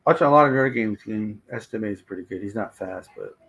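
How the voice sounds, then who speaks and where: A man hosting a live stream, hoarse and losing his voice, reacting to draft picks and answering his chat in casual commentary. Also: fairly low pitch, brisk, a bit bright, poor audio. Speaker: livestream host.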